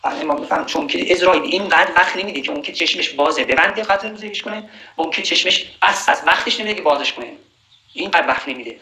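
A man giving a sermon on Quranic verses, slowly reciting Arabic verses and then explaining them in a conversational way. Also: fairly high pitch, sharp tone, reverberant, rough recording. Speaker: preacher.

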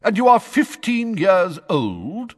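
A man voicing a stern, booming older woman judge who questions a boy brusquely. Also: huge pitch swings, slow pace, slightly rough, long reverb tail, heavily acted. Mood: probing.

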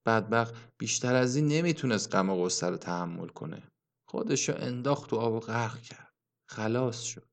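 A gloomy old village grandfather, muttering low and hushed, bitter about life but wry with the young, as a male narrator puts him on. His talk sinks quieter at the ends of his sentences. It is a storybook figure with a brooding, worn-down manner. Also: animated, creaky. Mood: mournful.

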